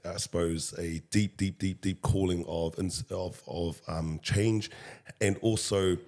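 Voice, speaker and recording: A New Zealand man hosting a casual podcast interview, relaxed and encouraging, often repeating words as he gathers his thoughts. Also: low-pitched, takes it slowly. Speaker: podcast host.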